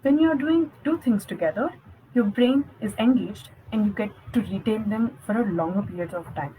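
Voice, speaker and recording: A woman's voice: mid-range voice, normal speed, dark tone, slight background noise, poor audio. A young woman, giving an encouraging online lesson as a spoken coach, speaking directly to her viewers. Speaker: spoken English skills coach.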